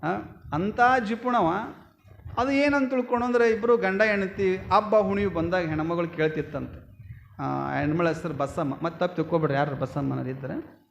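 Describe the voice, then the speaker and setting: A man giving a storytelling sermon as a swami, swinging between loud exclaiming and low murmuring. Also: moderate pace, gravelly, slight background noise. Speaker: swami preacher.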